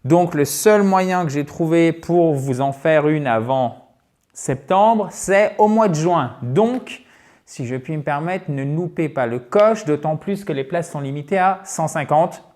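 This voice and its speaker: Middle-aged male English teacher, higher register, conversational to-camera promo, addresses viewers as friends. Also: measured pace, a little mellow. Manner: chatty, keeps checking in with "ok?". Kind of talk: direct-to-viewer course promotion.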